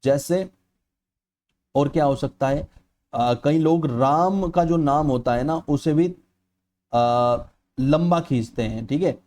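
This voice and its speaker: A man whose voice is on the high side and warm in tone takes his time, leaving long pauses. He teaches an exam-prep lesson with clear explanations, repeatedly saying "ठीक है" and drawing out vowels to show their pronunciation.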